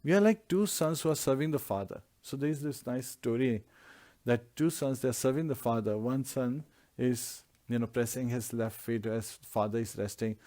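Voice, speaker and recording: A man's voice: medium pitch, moderate pace, dark tone. A man giving a devotional scripture class, explaining Sanskrit verses word by word in earnest preaching tones. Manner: earnest preaching with repeated lists.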